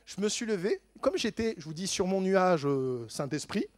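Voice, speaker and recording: A man telling a lively faith testimony in an animated way, laughing often and stammering into quick repeats. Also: high-pitched, dry recording.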